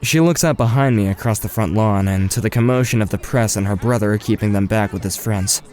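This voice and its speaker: In this audio drama, a young man plays a wry, earnest and awkward teenage boy, both narrating in first person and speaking lines of dialogue. His delivery is brisk, with a lowish, darkish, natural-sounding voice.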